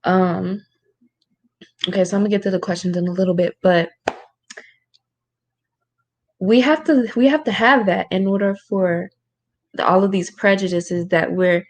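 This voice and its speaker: Woman, spiritual teacher running a casual at-home Q&A, informal and rhetorical, voice held low. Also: moderate pace. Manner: informal, rhetorical, keeps asking "right?"; keeps her voice lowered. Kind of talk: casual livestream talk with Q&A. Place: room at home.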